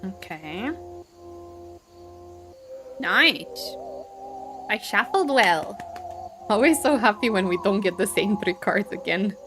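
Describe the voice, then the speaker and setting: A woman's voice: mid-range voice, lively intonation, slow, pauses often. A woman live streamer doing tarot readings, chatting casually and giggling as she greets her viewers. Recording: background music under the voice.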